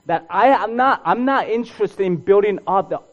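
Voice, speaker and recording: A man preaching a sermon, his voice sitting a little high and his carrying a sound. He drives points home with impassioned runs of single words. The recording is a bit dull and muffled. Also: normal speed. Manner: impassioned preaching in emphatic word lists. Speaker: college minister. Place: church hall.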